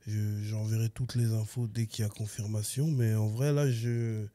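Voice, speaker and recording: A man's voice: lowish voice, little pitch movement, moderate pace, dark tone, no room sound. A man in his forties talking loosely as a podcast guest, laid-back and slangy. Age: 40s. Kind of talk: casual interview chat.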